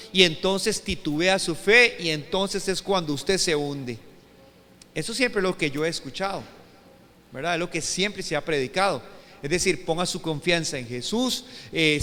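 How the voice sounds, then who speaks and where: A male pastor preaching a sermon, reading scripture with loud bursts of emphasis and asking the congregation to repeat after him. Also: high voice, in a large hall.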